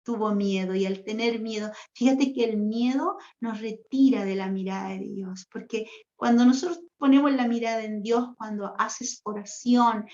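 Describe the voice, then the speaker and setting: Woman, 60s, religious sister; higher-pitched, pleading prayer tone, echoey room. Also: moderate pace, darkish tone. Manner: earnest and intimate, with pleading spoken prayers and rhetorical questions. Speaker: religious sister leading a healing retreat. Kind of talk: spiritual retreat talk. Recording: roomy, dull lo-fi recording.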